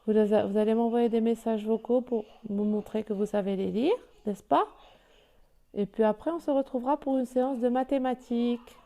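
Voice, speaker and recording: A woman's voice: on the high side, steady tone, normal speed, dark tone. A woman teaching a reading lesson to young children, patient and drawing out each word.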